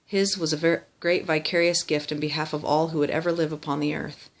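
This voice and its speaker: A medium-pitched voice recites a religious text by rote. The delivery is that of formal memorized recitation. Now and then a word slips and gets corrected. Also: little pitch movement, fairly quick. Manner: formal recitation with small stumbles and self-corrections.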